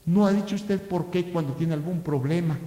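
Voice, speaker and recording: Man, pastor preaching, fairly high voice, echoey church hall, long reverb. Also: normal speed. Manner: impassioned preaching with sharp swings in loudness and pitch. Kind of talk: sermon.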